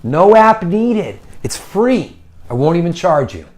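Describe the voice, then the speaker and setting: A man in his forties hosting a casual livestream, giving encouraging advice in an animated way. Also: high-pitched, slow. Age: 40s. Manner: animated, encouraging, acts out little voices. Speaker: host. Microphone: phone livestream.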